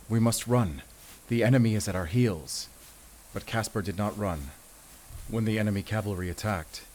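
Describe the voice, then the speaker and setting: In this audio roleplay, a male actor with a deep voice plays a werewolf hunter who is battle-weary and protective. He addresses the listener in a grave, deliberate, commanding manner.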